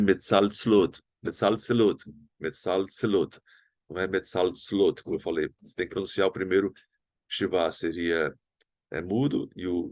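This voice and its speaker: A man with a Brazilian Portuguese accent teaching a recorded Hebrew lesson, patiently explaining and slowly sounding out words. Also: deep voice, vocal fry, no room sound, studio quality. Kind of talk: recorded online language lesson.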